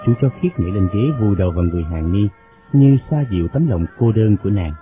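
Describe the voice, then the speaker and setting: Male audiobook narrator, lowish, steady and measured, phone-quality audio with faint music. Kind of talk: scripted novel narration.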